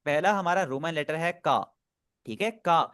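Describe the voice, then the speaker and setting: A man's voice: fairly high pitch, measured pace, a bit bright, clean tone, no echo. Man, online language tutor, patient drilling, dry close sound. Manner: patient, drills pronunciation, repeats "ठीक है". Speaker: Japanese language teacher. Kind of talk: online class instruction. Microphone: video call.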